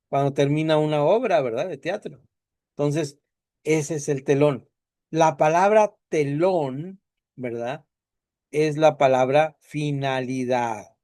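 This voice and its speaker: Man, middle-aged, classroom lecture, slightly high voice, dry sound, asks the class questions. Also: darkish tone, no echo. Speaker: teacher.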